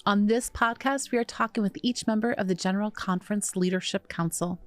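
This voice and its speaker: A woman's voice: mid-range voice, a little fast, no room sound, soft background music. Woman podcast host, middle-aged, chatty, laughs often, dry close sound. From New York. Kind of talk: conversational interview.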